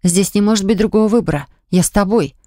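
A man's voice: high-pitched, quick pace, warm tone, dry recording, clean studio sound, pitched above the performer's own voice, close to an everyday voice. A man reading an audiobook, voicing a timid young pregnant wife in a raised, pleading voice. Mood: tearful pleading.

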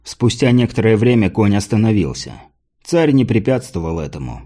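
A man narrating a fantasy audiobook in a measured, even storytelling manner. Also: on the low side.

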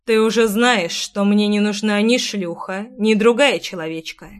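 A woman's voice: medium pitch, fairly even intonation, normal speed, lightly acted. A woman voicing a cold, arrogant ancient male dragon who speaks with mocking indifference.

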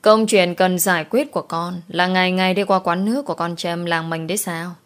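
A woman voicing a vain, sharp-tongued rich mistress who scolds and mocks. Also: lowish voice, fairly even intonation, brisk, close to an everyday voice. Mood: sour. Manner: scolding, sour and mocking.

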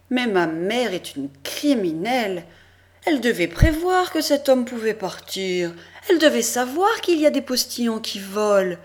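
A woman narrating a novel as an audiobook in a measured, expressive first-person reading. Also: mid-range voice. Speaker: audiobook reader.

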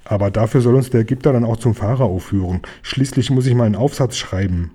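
A man voicing a greedy, cocky young male dragon with a mellow, husky voice. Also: mid-range voice, fast talker, natural voice.

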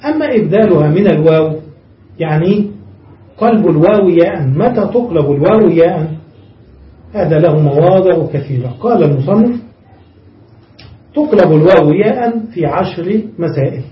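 A man teaching an Arabic grammar lesson, reading from a text and explaining it step by step, repeating examples slowly. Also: on the high side, lively intonation. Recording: muffled, echoey room, mic far off.

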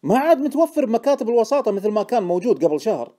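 Man voicing a shrill pushy stock tipster. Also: expressive, normal speed. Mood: insistent. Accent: Gulf Arabic. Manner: insistent, indignant, loud. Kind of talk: audiobook character voice.

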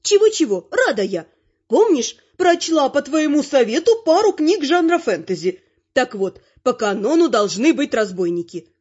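Woman doing a spry cheeky old grandma, high and lively. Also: normal speed, dull audio. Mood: delighted.

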